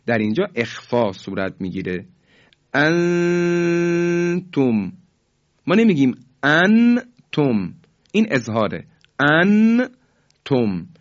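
Patient man teaching Quran recitation, lo-fi. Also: mid-range voice. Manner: explains patiently, then chants each example slowly and drawn out; formal and polite, asks students to repeat after him. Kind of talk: recorded lesson on Quran recitation rules. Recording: dull lo-fi recording.

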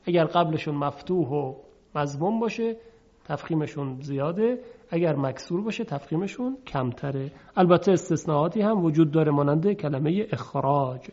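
Man, teacher, recitation lesson, slightly high pitch, dull lo-fi sound, answers his own questions. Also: animated, darkish tone. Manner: demonstrates sounds by chanting them slowly. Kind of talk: Quran recitation lesson lecture. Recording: dull lo-fi recording.

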